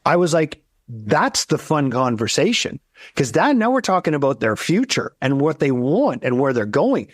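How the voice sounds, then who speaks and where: A man's voice: a little high, big pitch swings, moderate pace, few pauses, no room sound, studio quality. A man hosting an interview podcast as an accountant, talking with energy and enthusiasm, often restarting his sentences. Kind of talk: casual conversational interview.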